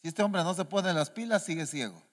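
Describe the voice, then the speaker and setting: A man preaching a sermon as an apostle, animated and questioning the congregation again and again. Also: a little high, brisk. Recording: reverberant church hall.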